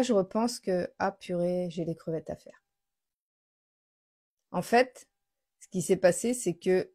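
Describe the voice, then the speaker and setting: A woman's voice: mid-range voice, a little mellow, dry recording, studio quality. A woman hosting a live stream, telling a personal story in a casual, confiding way with many fillers and restarts. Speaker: host of a daily live stream.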